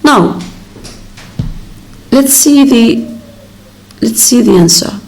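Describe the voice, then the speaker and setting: A woman teaching an English exam revision lesson, explaining slowly and patiently step by step and repeating words. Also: fairly high pitch, animated, vocal fry, a little mellow, poor audio.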